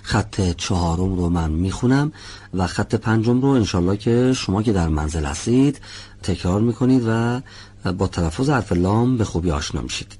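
Guy teaching quran recitation, low husky voice, slow careful demos, chants words drawn out. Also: expressive, warm tone. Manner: patient, deliberate, demonstrates sounds slowly. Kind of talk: classroom lesson on pronunciation.

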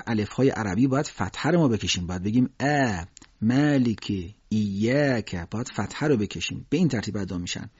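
A man's voice: medium pitch, darkish tone, husky, dry recording. A man teaching Quran recitation, explaining letter sounds patiently with frequent hesitations. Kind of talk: spoken lesson with slow recited examples. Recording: dull, dry lo-fi recording.

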